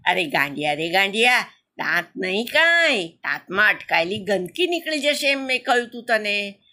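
A woman's voice: mid-range voice, sing-song, normal speed, sharp tone. A woman voicing a mother crocodile in a storybook who scolds and teases her cub. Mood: teasing. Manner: scolding, then teasing. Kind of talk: storybook narration.

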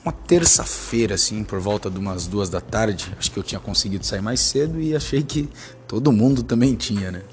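A man's voice: on the low side, brisk. Joking Brazilian man in his thirties. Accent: Brazilian Portuguese. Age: 30s. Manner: bawdy, joking, lively storytelling. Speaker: storyteller. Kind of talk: casual anecdote telling.

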